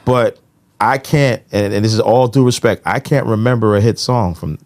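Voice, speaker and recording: In a relaxed podcast conversation, a middle-aged co-host offers his opinions easily, dropping in plenty of fillers. He speaks at a normal speed with a lowish, slightly mellow voice.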